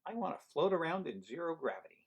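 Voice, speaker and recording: A man reading a picture book aloud as an eager young boy who dreams of outer space, in a wide-eyed, excited storybook voice. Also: on the high side, fast, gravelly, slightly rough, pitched above the performer's own voice, full character voice.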